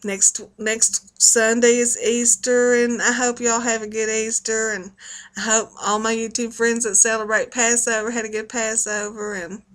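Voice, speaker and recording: Chatty, higher-voiced woman with an Appalachian accent. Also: little pitch movement, unhurried, fairly bright tone. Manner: folksy, chatty, laughs often. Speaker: video blogger. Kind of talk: casual rambling chat to viewers.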